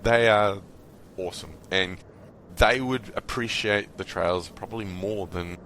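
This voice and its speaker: An Australian man with a low-pitched voice rambles through casual podcast talk, restarting sentences and swearing offhandedly. A faint background hiss sits under the recording. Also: measured pace, fairly bright tone, poor audio. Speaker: podcast host. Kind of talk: casual conversation.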